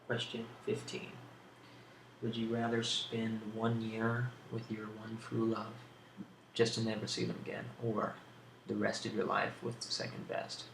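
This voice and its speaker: A video creator answers tag questions in a casual, rambling ASMR style, his low-ish voice fairly flat, a little slow, and heavy with vocal fry. The recording carries a roomy echo and noticeable background noise.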